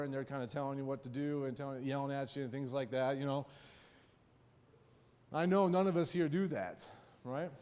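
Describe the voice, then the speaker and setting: Man, pastor, sermon, folksy storytelling, slightly high voice, long hall reverb. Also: darkish tone. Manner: folksy storytelling, frequent "right?" asides.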